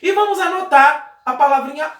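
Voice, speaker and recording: A man's voice: extremely high pitch, normal speed, bright, forceful tone. A male teacher giving a recorded lesson, explaining step by step as he writes on a wall, patient and checking in with short questions. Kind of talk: video lesson, explaining while writing. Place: indoor room, writing on a wall. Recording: echoey room.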